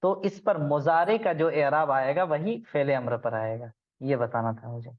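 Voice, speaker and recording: A man leads an online grammar lesson, patient and methodical as he quizzes his students. His voice sits a little high. The sound is muffled, like a lo-fi call. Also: unhurried. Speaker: Arabic grammar teacher.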